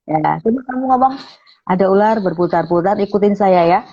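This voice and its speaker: A woman who manages a radio station talks about public speaking in an online interview, her mid-range voice brisk and slightly rough. She peppers her explanation with "nah" and performs example phrases, all through muffled call audio.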